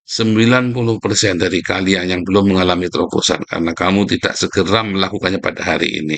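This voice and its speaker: A man preaching a casual devotional sermon, scolding and mocking his listeners in a lively way. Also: low-pitched, quick pace, gravelly.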